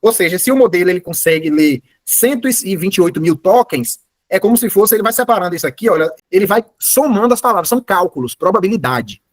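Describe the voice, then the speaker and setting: A man's voice: high voice, lively intonation, quick pace, hardly any pauses, no echo. A man giving a live online class, explaining step by step and often correcting himself mid-sentence. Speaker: course instructor.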